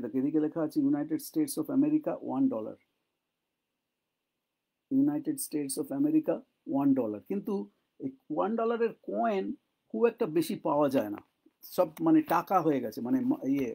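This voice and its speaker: A Bengali-speaking man gives a relaxed English lesson, repeating each phrase slowly so learners can copy the pronunciation. His voice sits a little high for a man, yet it is dark and mellow with a gravelly edge. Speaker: English teacher. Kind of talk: casual spoken English lesson. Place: living in the United States.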